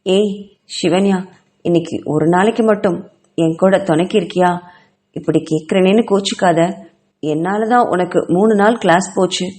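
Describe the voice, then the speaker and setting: A woman's voice: on the low side, normal speed, long pauses, a little mellow, lightly acted. A woman reads an orphaned young student girl from a spoken storybook, clingy and emotional. She talks in an earnest, pleading, confiding way.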